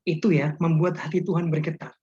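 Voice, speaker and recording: A male pastor preaching and telling a story, lively, acting out the quotes of the people in it, heard over a video call. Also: fairly high pitch, brisk, breathy edge. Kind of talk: sermon with storytelling. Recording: muffled video call audio.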